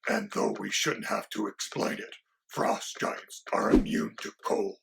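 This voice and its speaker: A man voicing a mock-menacing male dragon sidekick who explains monster lore in a hushed, lecturing way. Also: fairly low pitch, sing-song, measured pace, creaky, slight background noise, exaggerated voice. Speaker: co-host.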